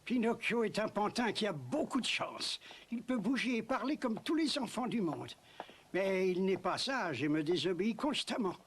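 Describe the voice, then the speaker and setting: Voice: medium pitch, lively intonation, normal speed, breathy edge. A performer voicing a kind, poor old woodcarver father who fusses and exclaims tenderly, in a children's audio story. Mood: musing. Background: music.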